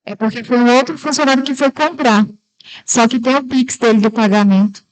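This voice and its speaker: A woman's voice: fairly high pitch, steady tone, brisk, poor audio. A woman with a Minas Gerais Brazilian accent, a municipal secretary answering a council hesitantly and repeating words. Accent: Brazilian Portuguese, Minas Gerais. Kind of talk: formal council testimony.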